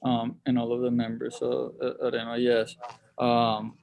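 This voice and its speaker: A man's voice: mid-range voice, completely flat delivery, a little slow, gravelly, darkish tone. A man, a guest answering interview questions over a video call in a thoughtful way, often restarting his sentences. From Colombia. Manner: thoughtful, with frequent restarts and repeated words. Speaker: sports league executive guest.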